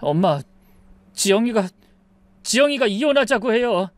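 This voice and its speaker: A woman voicing a hot-tempered adult son who whines and yells in shrill, petulant outbursts. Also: expressive, moderate pace, no room sound, lightly acted. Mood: pleading.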